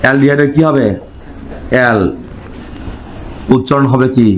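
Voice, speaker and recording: A man's voice: mid-range voice, little pitch movement, moderate pace, a little hiss or hum, rough recording. A man teaching chemistry, quizzing his students and answering his own questions. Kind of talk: classroom lecture.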